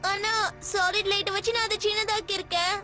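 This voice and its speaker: A woman voicing a quick-thinking young friend in a cartoon adventure dub, urgent and take-charge. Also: very high-pitched, level tone, over loud music. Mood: worried. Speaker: dub actor. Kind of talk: amateur cartoon dubbing.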